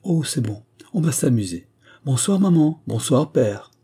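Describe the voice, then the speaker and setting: A teasing young princess with a lively, raised voice, as a man reads her. Her tone comes through dark and husky, with a quick, mischievous bite. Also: mid-range voice, voice pushed up, heavily acted. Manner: quick-witted, mischievous, playful.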